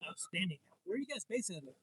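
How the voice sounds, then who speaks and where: A man's voice: sits high, big pitch swings, quick pace, a bit bright, slightly rough, no echo, rough recording. A man interviewing a comics publisher, asking long, rambling questions with many restarts. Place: comic convention floor.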